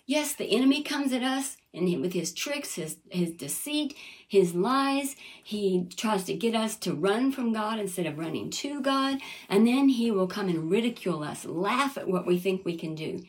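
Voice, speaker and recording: A woman's voice: mid-range voice, animated, moderate pace. A woman preaching a sermon. She reads scripture aloud, acts out quoted voices and keeps asking her listeners "Amen?". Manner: earnest, calls out "Amen?" to listeners.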